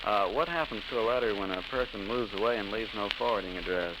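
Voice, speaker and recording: On an old, noisy recording, an American man hosts a 1930s radio interview. His fairly low-pitched delivery is polite and halting.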